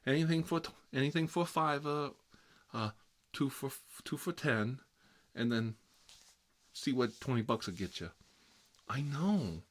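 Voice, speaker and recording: In an improvised comedic ASMR roleplay, a man plays a fussy, gossipy bachelor uncle who rambles and confides in a prissy, halting manner. His pitch is medium, close to an everyday speaking voice, and his mood is gossipy and indignant.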